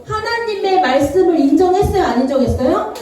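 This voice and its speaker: A woman preacher giving a lively children's Sunday sermon in a church, playfully acting out Bible figures and asking the kids questions. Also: very high voice, fairly quick, a crowd in the background. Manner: animated, playful, acts out characters and asks the children questions. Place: church worship room. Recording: roomy echo, distant from mic, faint ambience.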